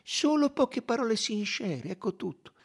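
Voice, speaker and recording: A man reading an audiobook and voicing a fussy, gentle middle-aged detective in a high, precise, coaxing voice. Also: very animated, moderate pace, husky, exaggerated voice. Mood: soothing.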